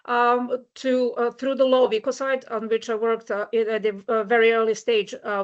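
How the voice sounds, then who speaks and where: A woman's voice: on the high side, dull audio. A woman from Serbia giving a webinar talk, earnest and personal, with many hesitations. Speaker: webinar speaker, rights of nature advocate. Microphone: video call.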